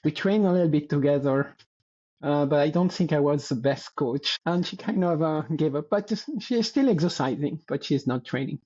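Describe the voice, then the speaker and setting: A man from France, around sixty, speaks with a French accent in a voice that is slightly high yet dark and mellow. As a guest athlete in a casual interview, he is halting, searches for words, and laughs lightly. The recording is somewhat dull and lo-fi.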